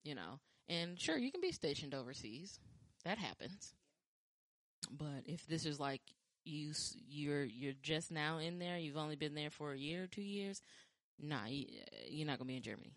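A woman chatting casually about her dating experiences, rambling with frequent restarts and fillers, and acting out quoted lines with lively jumps in pitch. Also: normal speed, dry recording. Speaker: podcast talker sharing dating stories. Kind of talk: casual chat.

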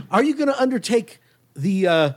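High-pitched male game master. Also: very animated, normal speed. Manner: bantering. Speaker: podcast host and game master. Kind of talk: casual game narration and chat.

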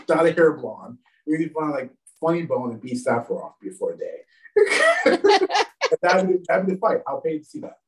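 A man chatting casually as a podcast guest, animated and laughing often. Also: fairly high pitch, brisk, hardly any pauses, distant mic, a little hiss or hum, low-quality recording. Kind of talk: casual chat.

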